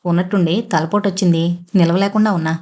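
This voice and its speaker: A woman voicing an affectionate, teasing young husband in a storybook reading, with gentle, playful questions. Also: fairly low pitch, steady tone, fast, natural voice. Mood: feigning illness.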